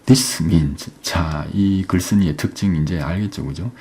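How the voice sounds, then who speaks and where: A man teaching English, explaining an exam passage step by step, often asking "right?" and reading English phrases slowly. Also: low-pitched, a little mellow, a little hiss or hum.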